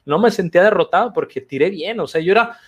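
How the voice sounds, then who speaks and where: Middle-aged Mexican athlete guest, slangy and animated, slightly higher voice. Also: male voice, fast talker, slightly rough. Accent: Mexican Spanish. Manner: relaxed, slangy, animated retelling. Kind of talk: casual interview storytelling.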